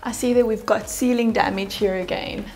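A woman's voice: medium pitch, steady tone, moderate pace, darkish tone. A young woman talks in a light, amused way as she tours a house. Her voice sits mid-range and carries a roomy echo, with light music behind it. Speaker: co-host, fiancée. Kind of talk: casual walkthrough chat. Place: empty old house, tiled rooms. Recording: echoey empty rooms, light music.

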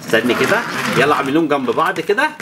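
A toy channel presenter with an Egyptian Arabic accent plays with toys beside a child while talking to viewers, counting aloud and making whooshing sound effects. Her voice sits low and comes out very animated and very fast, with a lot of noise in the recording.

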